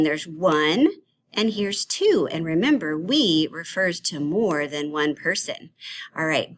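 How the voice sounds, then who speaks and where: Slow, gentle teacher woman for kids. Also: low voice, a little hiss or hum. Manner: slow, encouraging, sing-song questions to young kids. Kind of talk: children's grammar lesson.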